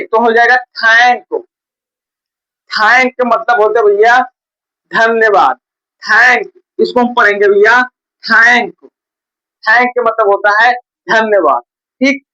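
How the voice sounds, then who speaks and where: A man's voice: very high-pitched, a bit bright. A man teaching a beginners' reading lesson at a board in a coaching classroom, speaking patiently and repeating the same checking words often. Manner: patient, repeats "theek hai" and "bhaiya" often. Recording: dull lo-fi recording.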